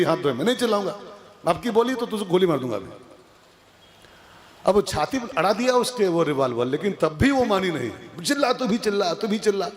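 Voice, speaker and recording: A male preacher telling a devotional story in a conversational, playful way, acting out the dialogue. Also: fairly high pitch.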